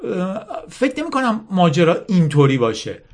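A man's voice: sits high, big pitch swings, a little mellow, voice pushed up, exaggerated voice. A man voicing an earnest, idealistic young girl who speaks in a hesitant, pleading way.

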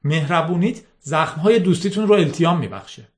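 A man's voice: a little high, expressive, pitched above the performer's own voice, lightly acted. Male reader as a condescending middle-aged boss in an audiobook. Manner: smooth, condescending, controlling. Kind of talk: audiobook reading.

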